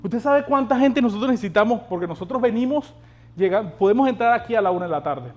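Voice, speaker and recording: A man with a notably high voice preaches to his congregation, pressing them with questions and calls to act. Faint instrumental music plays softly behind him. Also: expressive, fast, lo-fi sound. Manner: exhorting, asks the congregation rhetorical questions. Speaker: pastor. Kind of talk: sermon.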